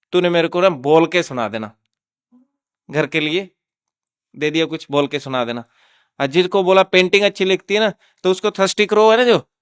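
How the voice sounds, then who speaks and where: A man with a rather high, smooth and resonant voice tells his classroom stories in a lively, anecdotal way. He slips into his pupils' voices and then back into his own. The recording is close and dry, with no room sound. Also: dry recording. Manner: animated anecdotal telling, quoting his pupils. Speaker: government school teacher. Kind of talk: storytelling in a talk show.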